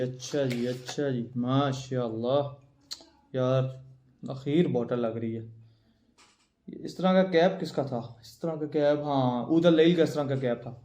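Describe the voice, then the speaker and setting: A man's voice: fairly high pitch, dark tone, echoey room. A man chatting casually as he unboxes and sniffs perfumes at home, thinking aloud as he handles each bottle, recorded on a phone with a plug-in mic. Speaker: perfume reviewer. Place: at home, indoors. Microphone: phone with plug-in USB-C mic.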